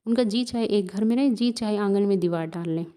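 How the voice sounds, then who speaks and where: A woman's voice: medium pitch, brisk, dark tone, clear, resonant tone, natural voice. A woman voicing a proud, weary middle-aged village aunt who speaks in resigned, bitter words.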